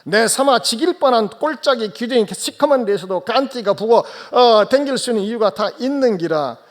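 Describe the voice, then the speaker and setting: A man's voice: very high-pitched, animated, normal speed, pitched above the performer's own voice. A man voicing a blunt, boastful countryman with a Gyeongsang dialect, punching out emphatic tag questions.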